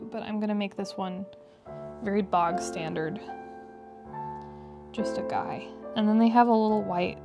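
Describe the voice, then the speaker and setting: A woman with a creaky vocal fry, chatting casually and wryly as she narrates a digital art tutorial. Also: mid-range voice. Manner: chatty, wry asides with frequent "like". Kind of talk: casual rambling tutorial commentary. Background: piano music.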